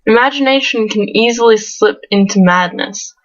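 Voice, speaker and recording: A woman in a relaxed gaming session reads on-screen text aloud and slips into giggles between lines. Her voice sits at an ordinary middle pitch, and the home recording sounds dull and lo-fi. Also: normal speed. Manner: giggly, breaks into laughs between read lines. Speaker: let's play gamer. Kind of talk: reading game text aloud with casual commentary.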